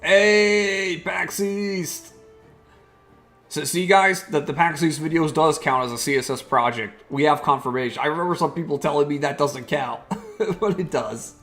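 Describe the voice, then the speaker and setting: A man's voice: fairly high pitch, a little slow, a bit bright, faint music behind. A man hosting a gaming video with casual, chatty live commentary.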